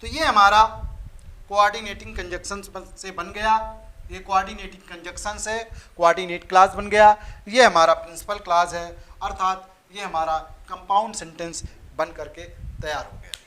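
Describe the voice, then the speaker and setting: A man with an Indian accent teaching English grammar, explaining slowly and repeating phrases as he writes them out. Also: high-pitched, steady tone, sharp tone. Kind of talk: slow classroom explanation.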